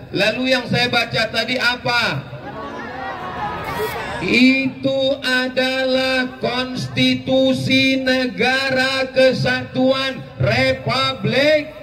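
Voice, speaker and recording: Man preacher, high and deliberate, rousing oration at an outdoor rally; roomy PA echo, distant mic, faint background noise. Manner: shouting, rhetorical questions, leads the crowd in repeating. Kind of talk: fiery rally oration with call-and-response. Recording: echoey public address heard from far off.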